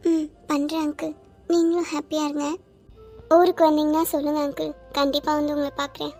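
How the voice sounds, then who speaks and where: A woman voicing a tearful, clingy teenage schoolgirl in love, in an animated web series. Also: sits high, brisk, faint music behind. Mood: sad. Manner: weepy, pleading.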